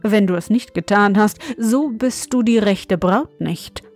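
A woman's voice: medium pitch, a little slow, darkish tone, faint music behind. A woman voicing an earnest young king's son in a fairy tale, asking probing questions.

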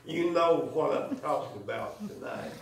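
Folksy church elder, slow and chuckling; higher voice, far from the mic in a roomy church. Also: male voice, vocal fry, a crowd in the background. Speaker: closing speaker at a church service. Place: church sanctuary. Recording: echoey church from a distance.

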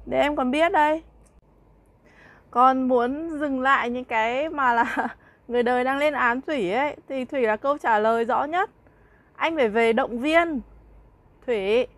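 A woman's voice: sits high, a little slow, pauses often, fairly bright tone, dry recording. A young woman vlogger in a heated monologue, mocking a rival with scornful jabs, laughter between lines and repeated rhetorical questions.

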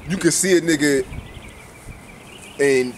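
A man's voice: fairly high pitch, takes it slowly, slight background noise. A male interviewer off camera asking casual, probing questions outdoors, often repeating words as he starts.

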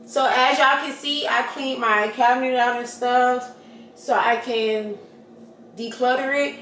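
A young woman chatting to camera in a casual home vlog, slangy and animated as she talks through her cleaning in her apartment. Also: fairly high pitch, measured pace, a little hiss or hum. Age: young adult. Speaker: lifestyle vlogger. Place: apartment kitchen and living room, indoors. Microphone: handheld or propped camera at close range. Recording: echoey apartment room, faint ambience.

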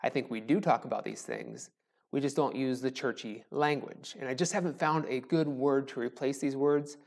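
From a small church sanctuary with a wooden cross behind him, a pastor in his forties preaches a recorded sermon in a relaxed, conversational way, packed with jokes and self-deprecating asides. His creaky, medium-pitched voice moves at a moderate pace, caught close on a lapel mic, with the camera framed from the chest up.

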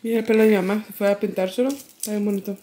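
A woman's voice: mid-range voice, fairly even intonation, racing, mellow. A young woman vlogging casually into a phone camera, mixing Spanish and English and getting emotional. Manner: chatty, emotional, switches languages mid-sentence. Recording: phone vlog with clear background noise.

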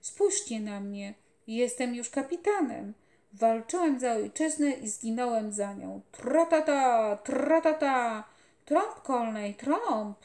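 Woman voicing a delirious boy soldier, loud and feverish, slow and dark, echoey room. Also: on the high side, expressive. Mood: feverish shouting. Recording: roomy echoey home recording.

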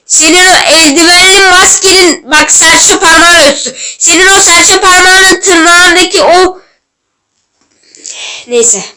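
A woman hosting a gaming channel, giving gameplay commentary in an excitable way and yelling at the referee, and she is a little ill. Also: very high voice, slow pace, a loud crowd. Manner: excitable, shouts at the game and referee. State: slightly ill.

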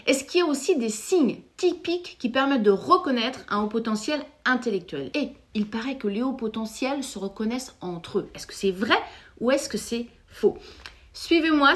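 A woman's voice: a little high, lively intonation, normal speed. A middle-aged French woman, a psychotherapist, hosting an emphatic direct-to-camera explainer and addressing viewers directly. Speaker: psychotherapist and YouTube host.

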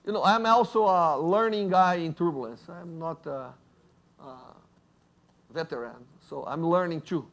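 A man with a Brazilian Portuguese accent, a native Portuguese speaker, giving a lively university physics lecture and joking with the audience. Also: on the high side, unhurried, gravelly. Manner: lively, jokes with audience, asks "right?".

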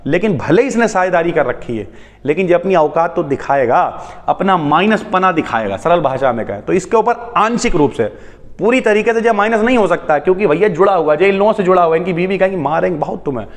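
A man teaching a chemistry lesson in a lively, chatty way, asking questions and answering them himself. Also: high voice, fairly quick, in a large hall. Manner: asks and answers his own questions, chatty asides. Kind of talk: lively classroom lecture.

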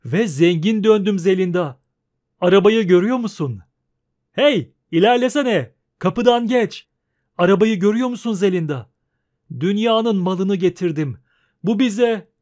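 A man voicing a boisterous middle-aged merchant who talks loudly and exclaims a lot, in an audiobook. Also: high voice, measured pace. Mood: boastful. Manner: loud, boastful and exclamatory.

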